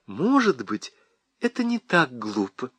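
A man voicing a gentle, patient middle-aged wife who speaks softly and soothingly. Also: medium pitch, wildly swooping pitch, slow, husky, no room sound, heavily acted. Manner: soft, soothing, timid.

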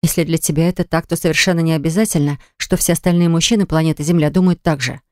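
In an audiobook, a woman reads the part of a stubborn, indignant young mother who talks sharply and defiantly, going shrill when upset. She speaks fast with fairly even intonation, close to an everyday voice, in a dry, studio-quality recording.

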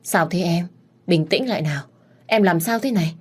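A woman voicing a gentle, caring young man in an audiobook story, speaking in a soothing way. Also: lowish voice, moderate pace, slightly rough.

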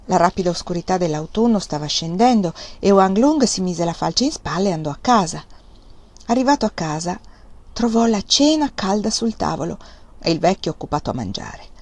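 A woman reads a novel aloud in a measured, expressive way. Her voice sits at an ordinary middle pitch for a woman. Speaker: reader of a novel. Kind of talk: audiobook narration.

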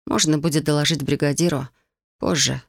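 A man reading a novel aloud as an audiobook narrator, in a calm, even storytelling manner. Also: fairly high pitch, fairly quick, gravelly, dry recording, studio quality.

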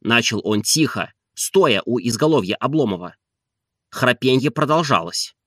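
Lively, bright-voiced male narrator. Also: mid-range voice, normal speed, no room sound, clean studio sound. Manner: expressive storytelling. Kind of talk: audiobook narration.

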